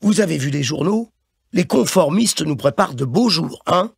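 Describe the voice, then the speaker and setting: A man's voice: on the high side, sing-song, gravelly, fairly bright tone, husky, no echo, clean studio sound, voice pushed up, full character voice. A man doing a blustering fussy office boss. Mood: conspiratorial. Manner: chiding, repeats "hein", quick and emphatic.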